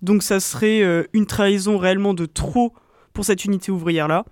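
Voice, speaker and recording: Une jeune femme, co-animatrice d'une émission de radio, qui explique un sujet en hésitant souvent. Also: female voice, mid-range voice, fairly even intonation, a little fast, a little mellow, dry recording, studio quality. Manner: hesitant, many fillers. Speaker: co-host. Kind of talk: radio show presentation.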